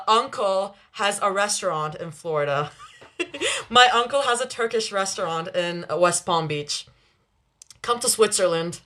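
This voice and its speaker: A young woman hosting a livestream, chatting casually with viewers, laughing often between quick asides. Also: on the high side, pushed and bright. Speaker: livestream host reading chat. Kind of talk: casual live chat with viewers.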